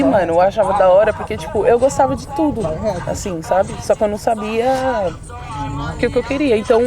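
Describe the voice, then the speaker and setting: A young woman with a São Paulo Brazilian accent, talking casually with slang and lots of fillers. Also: mid-range voice. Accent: Brazilian Portuguese, São Paulo. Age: young adult. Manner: slangy, hesitant, many fillers. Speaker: interviewee. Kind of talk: casual chat.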